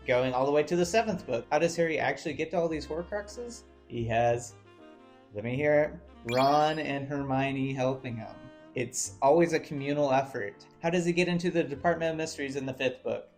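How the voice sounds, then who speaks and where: Chatty young man doing video commentary. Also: mid-range voice. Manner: chatty, conversational, with fillers and asides. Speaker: YouTuber. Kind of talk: casual video-essay commentary. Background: faint guitar music.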